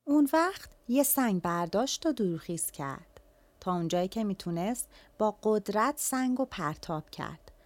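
A woman telling a folk tale in an animated, colloquial storyteller's voice. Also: mid-range voice, no room sound.

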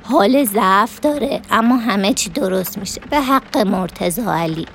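A woman reading a story voices a pious old grandmother who speaks calmly and reassuringly. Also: mid-range voice, creaky, a little hiss or hum. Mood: soothing. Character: older traditional grandmother, pious and soothing.

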